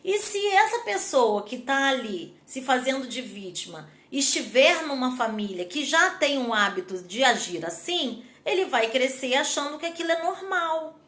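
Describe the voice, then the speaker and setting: A woman's voice: high-pitched, big pitch swings, normal speed, hardly any pauses, fairly bright tone, roomy sound. A woman therapist giving a casual talk to an audience, chatty and often turning to them directly. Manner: chatty, addresses audience as gente, acts out quotes.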